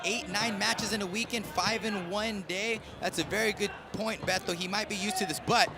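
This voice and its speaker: A man's voice: high voice, fairly even intonation, moderate pace, music in the background. A man giving live play-by-play and analysis as a fight commentator. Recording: noisy live event ambience.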